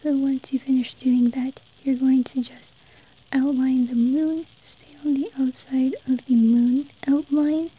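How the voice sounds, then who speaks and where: A woman hosts an art and craft tutorial in a breathy whisper, high in pitch yet very soft and dark, with no brightness. She explains gently, one step at a time, and the recording is rough.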